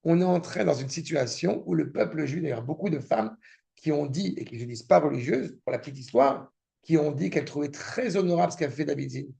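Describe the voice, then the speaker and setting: A man's voice: on the high side, brisk, creaky, warm tone. A man teaching a Torah class, reading verses and explaining them cynical asides. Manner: reads Hebrew text then explains it, with cynical asides. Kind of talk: Torah lesson with Hebrew quotes and commentary.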